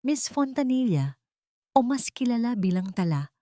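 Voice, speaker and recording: A woman's voice: on the high side, sing-song, normal speed, warm tone, dry recording, clean studio sound, pitched above the performer's own voice. A woman voicing a cold male gunman who taunts in a mocking tone. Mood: taunting.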